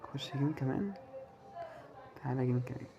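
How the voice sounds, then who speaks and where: A man with an Egyptian Arabic accent giving live commentary as he plays a slot game, muttering and pleading with it and breaking into loud cheers. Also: mid-range voice, brisk, creaky, dull audio, noisy background. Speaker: gamer playing a slot game.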